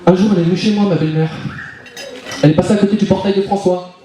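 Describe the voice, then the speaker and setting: A young man from France performing stand-up comedy, chatty and animated, now and then putting on character voices. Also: sits high, racing. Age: young adult. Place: live comedy venue, audience. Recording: echoey hall, far mic, crowd laughing.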